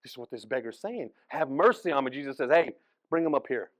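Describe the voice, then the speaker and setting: A man preaching as pastor, telling the story in an animated way, acting out the people in it and restarting phrases often. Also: medium pitch, fairly quick, no room sound. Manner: animated storytelling, acts out voices, frequent restarts. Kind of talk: sermon.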